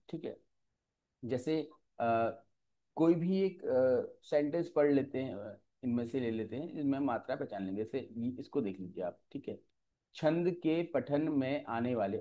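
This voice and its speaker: A man teaching an exam-prep lecture, explaining step by step and often pausing to check that students follow. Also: medium pitch, phone-quality sound.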